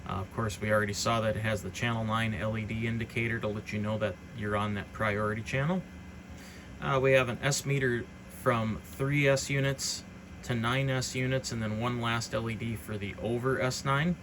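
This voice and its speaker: Against a clearly noisy background, a man shows off radio gear as a hobbyist, explaining its features in a hesitant, unscripted, casual way. He speaks at normal speed with a medium pitch and fairly even intonation.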